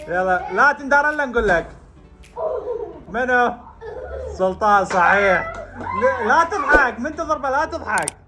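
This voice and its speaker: A woman running a family game, giving brisk orders and often laughing. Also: a little high, lively intonation, music in the background. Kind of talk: casual family game calling.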